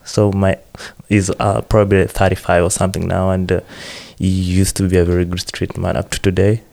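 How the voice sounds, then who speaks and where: A man's voice: low voice, flat delivery, brisk, vocal fry, a little mellow. A man in his twenties with a Kenyan accent, chatting casually as a podcast guest and telling stories informally. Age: 20s. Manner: informal storytelling with repeated "like". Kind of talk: casual chat.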